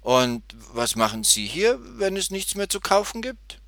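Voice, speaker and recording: Male narrator doing a bright, excitable little girl for a storybook; high, bouncy, chirpy. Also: measured pace, dry recording, clean studio sound, full character voice. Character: cheerful little girl Tutti. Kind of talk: storybook reading.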